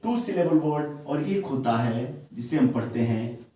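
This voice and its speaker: Teaching English grammar in Hindi, classroom style, a man uses the proper terms, often asks the viewer questions, then answers them and repeats the key words. His medium-pitched voice is expressive and dark-toned, moving a little slowly. He sounds distant from the microphone in a heavily echoing room.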